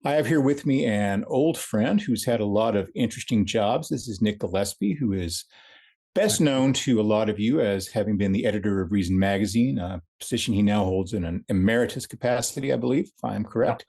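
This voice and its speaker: A man's voice: fairly low pitch, fairly quick, mellow. A man hosting a conversational interview show, opening the episode and asking his guest friendly, joking questions. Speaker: host, interviewer.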